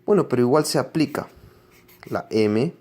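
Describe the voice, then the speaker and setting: A man's voice: medium pitch, expressive, normal speed, warm tone. A man teaching English pronunciation in a classroom-style lesson, explaining patiently and repeating each example word several times.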